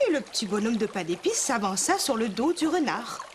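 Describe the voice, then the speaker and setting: A woman with a Quebec French accent reading a children's story aloud as a mother, with animated expression, in a kids' cartoon. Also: on the high side, fairly quick, background noise.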